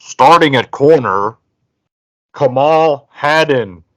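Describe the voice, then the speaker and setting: A man imitating a stadium PA announcer, calling out a starting lineup in a loud, drawn-out voice. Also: medium pitch, lively intonation, voice pushed up. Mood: announcing. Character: booming stadium PA announcer man, mock formal. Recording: dull lo-fi recording.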